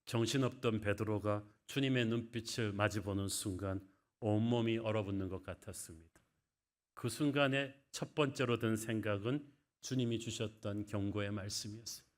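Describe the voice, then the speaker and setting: A man's voice: fairly low pitch, moderate pace. Emphatic male pastor preaching. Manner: emphatic, dramatic rises and drops in volume. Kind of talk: sermon. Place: church sanctuary.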